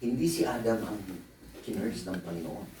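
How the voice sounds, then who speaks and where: A male pastor delivering a humorous sermon, switching between Tagalog and English with animated storytelling asides. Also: fairly low pitch, normal speed, slight background noise. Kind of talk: sermon at a Bible conference. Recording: echoey hall, distant mic, faint ambience.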